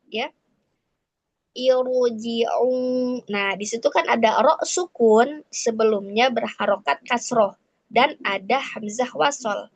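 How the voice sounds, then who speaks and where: Slow, patient woman teaching recitation. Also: a little high, no room sound, rough recording. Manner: patient, explains step by step with frequent "nah" and "eh"; models recitation examples slowly. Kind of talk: online tajwid lesson.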